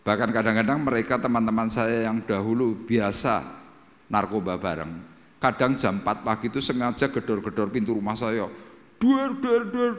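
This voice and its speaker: Javanese-accented pastor preaching in a reverberant hall. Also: male voice, mid-range voice. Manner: lively storytelling, acts out quoted voices loudly. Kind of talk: sermon. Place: church service.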